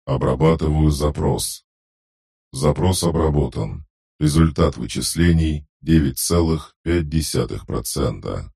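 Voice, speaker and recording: A man's voice: very deep voice, measured pace, vocal fry, warm tone, breathy edge, dry recording, studio quality, heavily acted. Man putting on a cold computer-processing system voice. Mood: mechanical. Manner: computer processing, clipped report-like readout. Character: flat emotionless magic system, computer-like, genderless machine. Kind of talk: audiobook narration.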